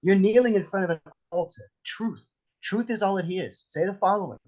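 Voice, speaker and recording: A man's voice: high voice, moderate pace, a little mellow, rough recording. A man playing a menacing, jealous armed husband in a script read, sarcastic, theatrical and profane. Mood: demanding. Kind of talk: table read of a film script. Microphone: video call.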